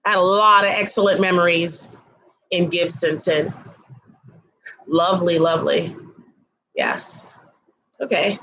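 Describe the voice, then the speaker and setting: A woman's voice: lowish voice, steady tone, moderate pace, pauses often, low-quality recording. A woman hosts a casual livestream from her home kitchen, greeting viewers while she eats. She talks up so a laptop mic across the room can catch her, and her tone stays easy and conversational. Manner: chatty, eats while talking; talks loudly to carry to the laptop. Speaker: livestream host.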